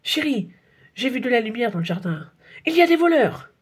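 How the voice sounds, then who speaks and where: A woman voicing a jumpy, blustering father in a storybook reading, loud and flustered. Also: fairly high pitch, a little fast, breathy edge.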